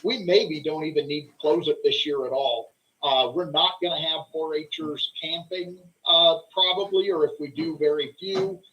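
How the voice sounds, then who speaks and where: Higher-voiced man, muffled audio, halting explanation. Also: bright, forceful tone. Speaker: fair board meeting participant, organizer. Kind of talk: informal meeting discussion. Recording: muffled, low-fidelity meeting audio.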